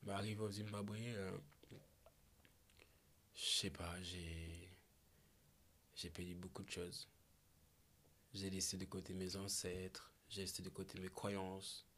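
Low-voiced reflective man from Malawi. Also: level tone, a bit bright. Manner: slow and searching, with restarts. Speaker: podcast guest. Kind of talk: reflective conversation.

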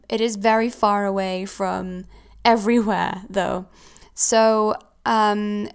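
A woman's voice: mid-range voice, gravelly, clear, resonant tone. A young woman who grew up in Switzerland, hosting a casual solo podcast and chatting with frequent ums and self-corrections. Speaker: podcast host. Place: new house.

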